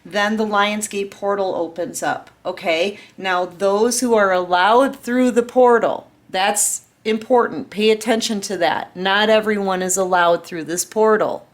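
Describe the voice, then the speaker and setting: A woman's voice: medium pitch, fairly even intonation, unhurried, few pauses. Earnest woman in her fifties giving a tarot reading. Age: 50s. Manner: earnest, repeats "okay?" and "right?" often. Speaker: tarot reader. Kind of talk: casual spiritual reading to camera.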